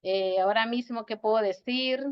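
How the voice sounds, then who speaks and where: A woman teacher giving an online grammar lesson, speaking slowly and patiently and repeating words to stress their syllables. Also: fairly high pitch, clean tone. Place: home or office on a video call. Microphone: video call. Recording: dull, lo-fi video call audio.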